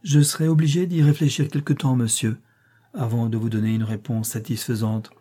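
Composed young governess, read by a man, polite, dark tone, husky. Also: medium pitch, fairly even intonation, fairly quick, close to an everyday voice.

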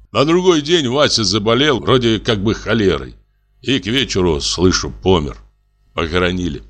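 A man with a fairly low voice narrates a classic short story for an audiobook. His reading is expressive, and he lifts or drops his tone for the quoted characters. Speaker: audiobook reader.

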